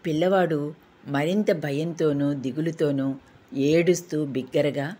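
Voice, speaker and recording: Woman storyteller, low husky voice, steady scripted devotional narration. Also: measured pace.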